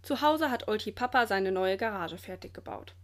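A woman reading a children's storybook aloud in a lively, clear storytelling manner. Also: mid-range voice, normal speed. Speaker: storybook reader.

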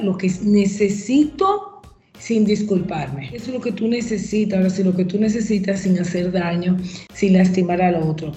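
A woman counselor explaining ideas at a measured pace and posing reflective questions, as a guest on a show. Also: medium pitch, warm tone. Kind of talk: advice talk on a show. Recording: roomy, slightly dull sound.

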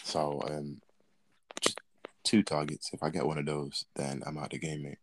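Very deep-voiced young Londoner, halting delivery. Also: male voice, little pitch movement, heavy background noise. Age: young adult. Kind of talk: casual banter chat.

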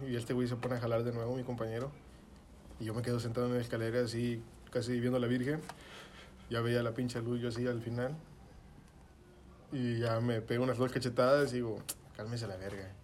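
A man's voice: medium pitch, level tone, brisk, a little hiss or hum. A young man with a Mexican accent telling a story to friends in casual, slangy chat full of swearing. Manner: slangy, swearing, acts out his own shouting in quotes.

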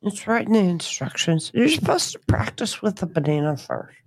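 A woman's voice: on the low side, very animated, normal speed. A woman co-hosting a podcast, chatting in a playful, teasing way. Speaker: podcast co-host. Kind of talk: casual chat.

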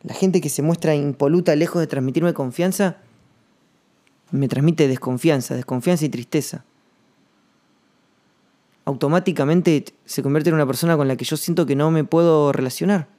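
A man with a Rioplatense Spanish accent hosting a reflective solo podcast monologue, rambling and slangy, thinking aloud with pauses. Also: a little high, mellow. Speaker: podcast host.

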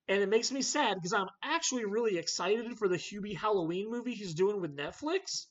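An animated man hosts a casual movie chat, ranting with energy. His pitch jumps around as he argues his points. The recording is a little dull and lo-fi. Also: fairly quick. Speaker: podcast host. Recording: slightly dull lo-fi audio.

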